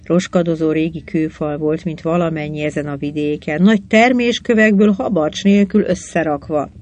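A narrator reading a children's adventure novel aloud, telling it evenly and lifting the voice for the characters' lines. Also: slight background noise. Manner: even storytelling, quotes read with raised pitch. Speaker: audiobook narrator.

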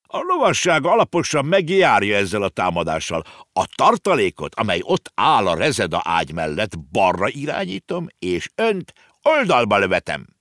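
A scheming duke, played by a man taunts his rival in a storybook reading, his voice pushed high and lively above the reader's own deep tone. The sound is dry and close. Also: hardly any pauses, no room sound. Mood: mocking. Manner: mocking. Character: mocking, scheming military duke.

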